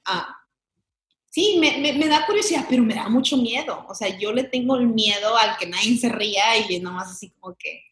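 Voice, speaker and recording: A young Mexican woman who creates comedy sketches chats animatedly as an interview guest, laughing often in this casual conversation. Her voice is a little high and fairly bright, expressive, at a normal pace, recorded in an echoey room.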